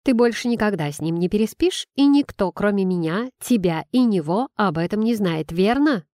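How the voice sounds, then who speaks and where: A woman's voice: medium pitch, lively intonation, moderate pace, a little mellow, no echo, studio quality, close to an everyday voice. Cheeky blunt best friend, as a woman reads her. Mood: teasing. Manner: blurting, cheeky.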